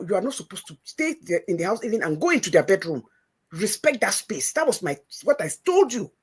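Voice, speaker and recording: Husky-voiced woman with a West African lilt. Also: medium pitch, big pitch swings, fairly quick. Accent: Nigerian Pidgin-tinged English. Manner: retells conversations in quoted speech, emphatic and motherly. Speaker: show host. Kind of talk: animated storytelling chat.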